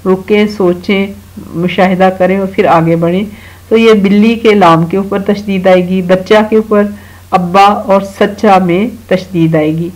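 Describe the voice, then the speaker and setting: A woman from Pakistan giving a slow, patient online grammar lesson to children, talking to them directly and reciting verses now and then. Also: mid-range voice, steady tone, a little mellow, poor audio. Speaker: teacher.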